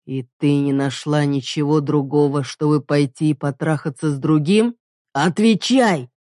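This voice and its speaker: A woman's voice: deep voice, unhurried, dark tone, dry recording. Woman reading an aggressive jealous husband, curt and swearing, dry close sound. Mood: hostile. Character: angry jealous husband, rough, demanding.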